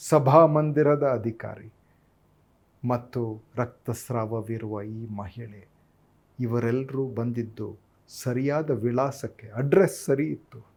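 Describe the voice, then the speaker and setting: A male preacher delivers a sermon at an unhurried, deliberate pace. His voice is dark and mellow. He leans hard into quoted lines, rising and growing loud, then drops back to a soft, low tone. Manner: slow, emphatic preaching with dramatic swells on quoted lines.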